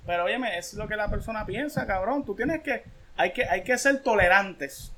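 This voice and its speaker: A man's voice: sits high, moderate pace, bright, forceful tone, slight background noise. A young Puerto Rican man with a Puerto Rican Spanish accent, chatting casually on a podcast and dropping a swear word into nearly every phrase. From Puerto Rico. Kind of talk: casual chat.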